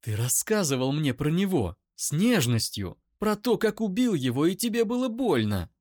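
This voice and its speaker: A man's voice: a little high, sing-song, normal speed, a little mellow, no echo, studio quality, voice pushed up. A man voicing a furious young woman who screams accusations in a raised voice.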